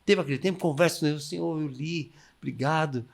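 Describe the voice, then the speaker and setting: A Brazilian missionary guest gives enthusiastic, preaching-style advice, exuberantly acting out the inner voices he quotes and calling for amens. His voice is on the high side, fairly quick and gravelly.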